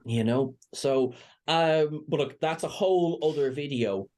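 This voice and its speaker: A man's voice: on the high side, measured pace, a little mellow. Rambling, jokey male host. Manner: rambling, stammering restarts, jokey. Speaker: podcast host. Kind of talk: casual chat.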